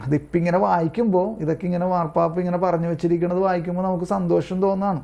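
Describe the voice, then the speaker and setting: Gravelly man preaching in a mellow voice. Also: high voice, steady tone, fast, dull audio. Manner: repetitive, keeps asking listeners if they understand. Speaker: lay preacher leading an online prayer group. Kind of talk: informal religious teaching, reading aloud and explaining. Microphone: video call.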